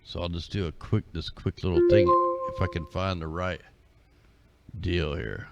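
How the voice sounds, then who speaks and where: A man's voice: low-pitched, steady tone, moderate pace, vocal fry, loud music behind the voice. A man hosting a live call-in stream, chatting casually and in a laid-back, rambling way. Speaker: call-in livestream host. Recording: dull lo-fi stream audio.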